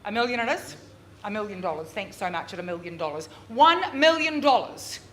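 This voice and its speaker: A woman working as a real estate auctioneer, calling bids live with drawn-out repeated figures and chatty coaxing of bidders. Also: medium pitch, lively intonation, fairly bright tone. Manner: drawn-out, repeated bid calls. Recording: noisy live auction room.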